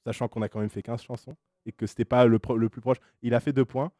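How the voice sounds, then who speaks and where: A man's voice: medium pitch, little pitch movement, fast talker, dark tone, dry recording, clean studio sound. A man in his twenties hosting a blind test in casual chat, teasing and playful, laughing often. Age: 20s. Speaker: radio host running a blind test.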